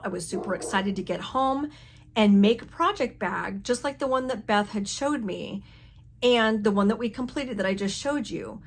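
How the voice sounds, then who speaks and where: A middle-aged woman hosting a crafting vlog from her home craft room, telling a story in a chatty, self-mocking way and laughing often. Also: medium pitch. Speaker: crafting channel host.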